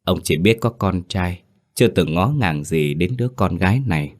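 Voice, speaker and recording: Man, deep low voice, solemn narration, dramatic folk-tale storytelling. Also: lively intonation, moderate pace.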